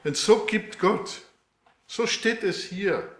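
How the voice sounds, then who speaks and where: A man preaching a sermon with a live demonstration, speaking in a halting way with many fillers and restarts. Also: high-pitched, expressive, fairly bright tone. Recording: echoey room.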